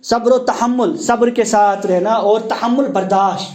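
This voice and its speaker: High-voiced man teaching a class. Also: steady tone, a little mellow. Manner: asks the class questions and repeats key words; explains word meanings, mixing in English terms. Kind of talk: classroom lecture explaining a text.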